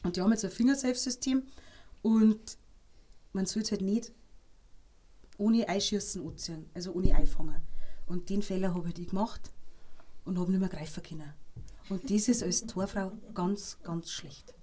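A woman with a Bavarian accent, a podcast guest telling lively anecdotes in casual chat and laughing between them. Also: medium pitch, moderate pace, pauses often. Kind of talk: casual storytelling.

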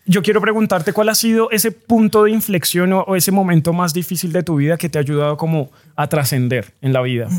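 A man's voice: high-pitched, steady tone, brisk, hardly any pauses. A man with a Colombian accent, hosting a casual conversational podcast interview. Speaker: podcast host.

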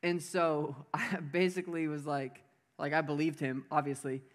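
A young adult man, a pastor giving a lively sermon to a live crowd, telling playful stories and having the crowd repeat words. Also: fairly high pitch, normal speed.

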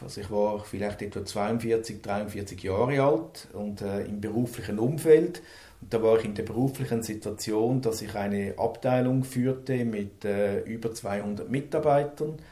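In a personal interview, a man in his fifties speaks earnestly about his life, stuttering and repeating words. His medium-pitched voice is mellow, and the sound is roomy.

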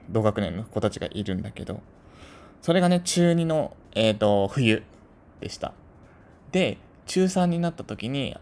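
Chatty man with a lively, bouncing voice. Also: mid-range voice. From Tokyo, Japan. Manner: chatty, rambling, full of asides. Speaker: channel host. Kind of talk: casual storytelling monologue.

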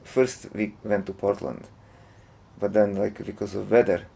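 A Croatian monk, a man, speaks English as an interview guest, hesitant and casual, full of fillers and restarts. His lowish voice is steady, unhurried and mellow, with vocal fry and a slight hiss or hum on the recording.

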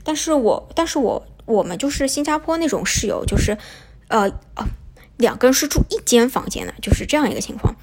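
Fast, lively husky young woman. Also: a little high. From China. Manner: chatty, poses and answers her own questions. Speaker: podcast host. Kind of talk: casual personal storytelling.

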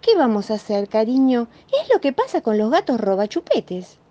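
A bright, sing-song mom with a Rioplatense accent, putting on a sorry tone while she teases, as a woman voices her in a storybook. Her pitch rises high and swoops, and the recording is dull and dry. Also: very animated, moderate pace. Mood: mock-sorry. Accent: Rioplatense Spanish. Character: cheerful teasing mother.

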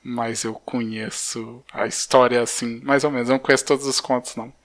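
A man in a relaxed podcast chat, talking casually with co-hosts. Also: mid-range voice, fairly quick.

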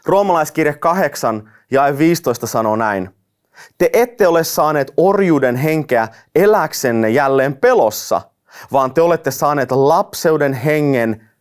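A man's voice: on the high side, sing-song, clear, resonant tone. A man preaching a sermon, reading scripture aloud and dropping joking asides. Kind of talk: sermon teaching.

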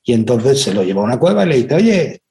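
A man's voice: mid-range voice, big pitch swings, rapid-fire, gravelly, mellow, slight background noise. A man giving an inspirational lecture, often asking rhetorical questions of his listeners. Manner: acts out quoted voices in stories. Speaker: speaker giving a talk.

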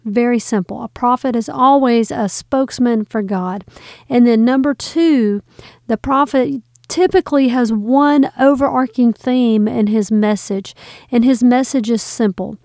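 A woman's voice: a little high, a little slow, mellow, no echo, clean studio sound. A woman hosting a podcast, explaining Bible words in an earnest, teacherly way. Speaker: podcast host.

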